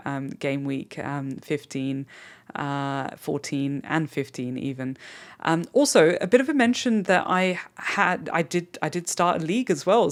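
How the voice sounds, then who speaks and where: A fantasy football channel host rambling off the cuff, thinking aloud and talking straight to listeners in a solo podcast. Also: medium pitch.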